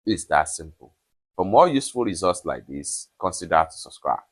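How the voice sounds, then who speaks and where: A man with a very low, deep voice talks through a phone app tutorial. He goes step by step and keeps coming back to the same stock instructional phrases. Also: sing-song, normal speed. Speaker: tutorial presenter. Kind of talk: screen-recorded app tutorial.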